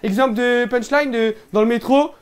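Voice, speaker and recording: This comedian's voice is extremely high yet clear and resonant, at a normal speed, as he plays a boorish, loud-mouthed young man from the ch'ti north of France in a one-man show. With the matching accent, he sounds brash, boastful and absurd, rambling slangily through many fillers.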